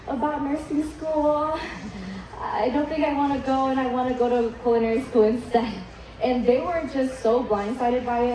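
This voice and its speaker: This young Vietnamese woman, whose native tongue is Vietnamese, has a fairly high, warm voice. As the keynote speaker in a reverberant event hall, she recounts her story in a frank, laid-back way, filling it with "like" and "um."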